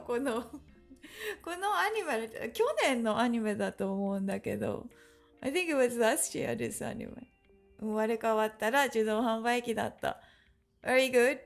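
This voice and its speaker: In a live online class, a woman with a slightly high voice teaches Japanese. Her English carries a Japanese accent, and she moves between the two languages while reading chat comments aloud.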